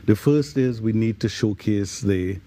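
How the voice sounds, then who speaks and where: Trini man being interviewed, soft mellow dark tone, lowish, careful explainer who repeats words as he goes. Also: measured pace. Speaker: guest, digital transformation advisor.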